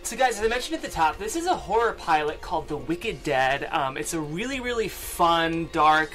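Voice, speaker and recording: In a small podcast studio, a young man hosts a show and reads the script and stage directions, speaking casually into a close studio microphone with a foam windscreen. His fairly high voice is sing-song and a bit bright, moving at a moderate pace. Faint music plays behind him.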